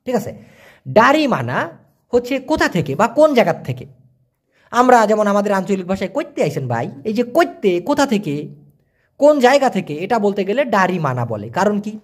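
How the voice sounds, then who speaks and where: A man's voice: sits high, very animated, normal speed. A man teaching a casual language lesson, repeating and spelling out words for learners.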